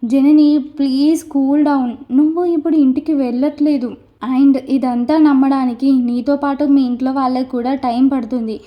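A calm young man coaxes and soothes in a steady, patient way in a spoken storybook, voiced by a woman. The voice stays high and light rather than deep. The recording has a dull, lo-fi sound. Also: normal speed, close to an everyday voice. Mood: soothing. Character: calm, reassuring young man, gently insistent.

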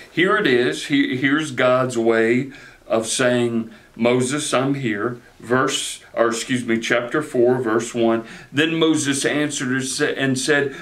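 Slow-paced animated pastor preaching. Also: male voice, medium pitch. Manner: animated, gesturing broadly, repeats words at starts of phrases. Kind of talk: sermon. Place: study with bookshelves, indoors.

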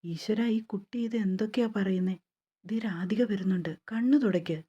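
A woman reading the lines of a gentle middle-aged mother who soothes her daughter. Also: mid-range voice, lively intonation, normal speed, muffled recording, natural voice. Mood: hushed. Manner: soothing, hushed at times.

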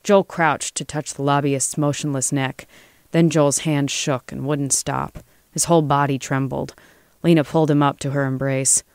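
A woman reading a thriller short story aloud in a measured, dramatic way. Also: low-pitched, fairly even intonation, darkish tone, no room sound. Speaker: story reader. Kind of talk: audiobook narration.

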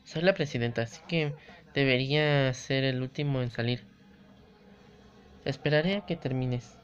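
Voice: medium pitch, moderate pace, natural voice. Mónica: chica segura y serena, leída por el jugador. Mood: composed. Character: calm confident teenage girl, club president. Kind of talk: reading game dialogue aloud. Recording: dull lo-fi recording.

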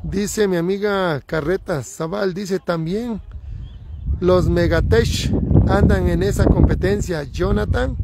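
A man with a Mexican accent giving excitable live commentary outdoors on a hillside, recorded on a handheld phone, repeating warnings and catchphrases. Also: high voice, slow, background noise. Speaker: livestream commentator. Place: outdoors on a hillside race course.

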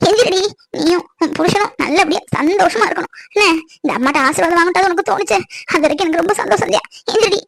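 A woman's voice: very high voice, quick pace, gravelly, no echo. A woman voicing a stern but loving mother in a cartoon, scolding her daughter sharply before giving her blessing. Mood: forgiving. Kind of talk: cartoon voice acting.

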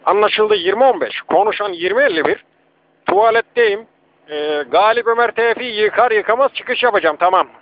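A man's voice: sits high, big pitch swings, normal speed, gravelly. Hesitant man answering over walkie-talkie. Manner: hesitant, with fillers. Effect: over walkie-talkie radio. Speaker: police officer on patrol. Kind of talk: radio reply to dispatch. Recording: muffled radio with faint static.

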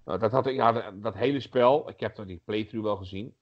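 A man's voice: lowish voice, brisk. Rambling man, muffled lo-fi sound. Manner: rambling, many fillers and restarts. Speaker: podcast co-host. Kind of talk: casual chat about retro games.

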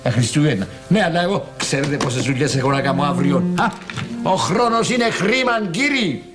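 An actor playing a stingy, grumbling old uncle in a sitcom, speaking with a Cypriot Greek accent and theatrical exasperation. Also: male voice, fairly high pitch, lively intonation, over loud music, close to an everyday voice. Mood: weary muttering. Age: older. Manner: exasperated, theatrical sighing and cursing. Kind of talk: TV sitcom acting.

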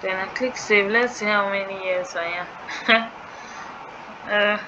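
A young Nigerian woman records a screen walkthrough for a scholarship tutorial, thinking aloud in a hesitant, musing way as she fills in an online form. Her medium-pitched voice is steady and slow, and the lo-fi audio sounds dull, with clear background noise.

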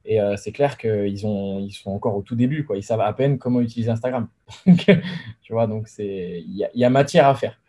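A young man from the Paris region talks through a webcam from his bedroom. His voice is mellow and dark, and he speaks in a relaxed, rambling way. He often pauses to restart his sentences. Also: lowish voice. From Paris region, France. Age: 20s. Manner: relaxed and chatty, many fillers and restarts. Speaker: guest entrepreneur. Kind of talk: casual interview on a video call. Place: bedroom with framed pictures, indoors. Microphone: video call webcam.

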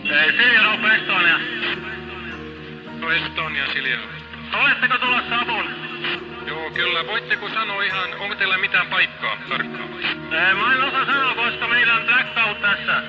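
A man's voice: high voice, expressive, moderate pace. A ship's radio operator, a man, making clipped calls with hesitations over a marine radio transmission. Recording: lo-fi radio with music behind. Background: music.

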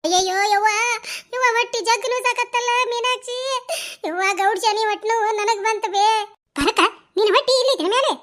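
A woman voicing bickering village women in a cartoon, talking in quick bantering dialect with a North Karnataka Kannada accent. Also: very high voice, fairly bright tone. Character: bickering village women, a landlady and her helpers. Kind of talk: cartoon voice acting.

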